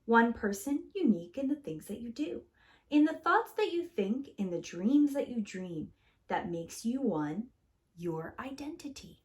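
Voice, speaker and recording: Acting as a preschool teacher, a woman reads a children's picture book aloud in an expressive, theatrical manner. Her voice is a little high, and she draws out the key words.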